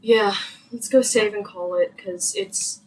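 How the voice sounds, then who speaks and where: A woman's voice: medium pitch, fairly even intonation, takes it slowly. A young woman chatting casually while playing a video game, blunt and profane, with a jokey edge. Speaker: let's play host. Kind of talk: casual gameplay chat. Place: home room while it rains. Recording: distant mic with faint noise.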